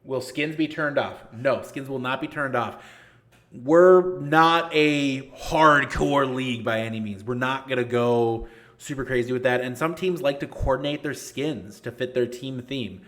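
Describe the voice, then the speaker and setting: A man's voice: medium pitch, measured pace, a bit bright. Blunt joking man in his thirties. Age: 30s. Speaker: league organizer and streamer. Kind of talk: casual live-stream Q&A.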